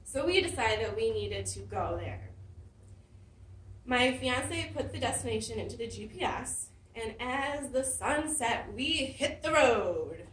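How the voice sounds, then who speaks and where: A woman giving a prepared personal story speech at a speaking club, telling it with lively dramatic emphasis. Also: a little high, measured pace, a little hiss or hum. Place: meeting room. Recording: roomy hall, mic at a distance.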